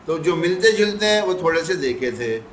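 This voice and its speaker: A man teaching recitation, patiently repeating sounds slowly to demonstrate them. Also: a little high, expressive, fairly bright tone, echoey room, a little hiss or hum. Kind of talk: explanatory lesson.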